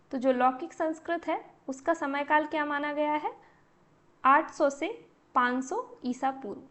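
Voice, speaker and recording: A woman teacher giving an exam-prep lecture, explaining step by step and answering her own questions. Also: sits high.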